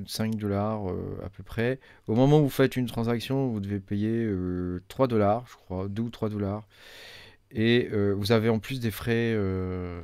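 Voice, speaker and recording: A man's voice: lowish voice, darkish tone, clean tone, no echo, studio quality. A man reviewing crypto payment cards in a casual, hesitant way, full of fillers and restarts. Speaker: crypto video host. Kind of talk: casual screen-share review.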